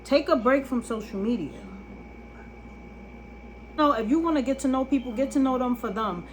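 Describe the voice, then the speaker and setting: A woman's voice: high-pitched, moderate pace, slight background noise, poor audio. A woman vlogging a casual monologue to camera, blunt and emphatic, often asking if you understand. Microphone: phone camera.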